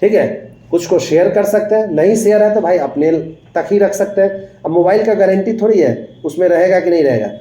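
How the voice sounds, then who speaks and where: A man's voice: high voice, fairly quick, mellow, echoey room, poor audio. A man teaching English to a class, mixing Hindi with English phrases, repeating lines and telling stories from his own life. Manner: tells anecdotes, addresses students directly. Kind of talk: classroom lecture.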